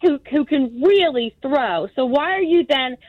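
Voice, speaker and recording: High-voiced woman over the phone. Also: lively intonation, unhurried, no room sound. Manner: blunt and indignant. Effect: heard over the phone. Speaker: radio call recipient. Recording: dry muffled phone line.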